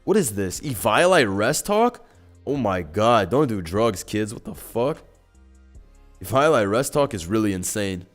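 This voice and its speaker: A young man streaming live gameplay commentary, excitable and profane, full of slang, swinging from low mumbles to loud yelling. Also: a little slow, soft background music. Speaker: gaming streamer.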